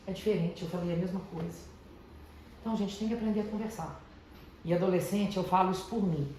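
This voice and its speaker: Man speaking in a very echoey hall. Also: high voice. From Brazil, Minas Gerais. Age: 30s. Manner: deliberately calm, slowed and softened delivery. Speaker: motivational speaker to teenagers. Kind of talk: motivational talk. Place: large echoey house of prayer. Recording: very echoey hall, faint background noise.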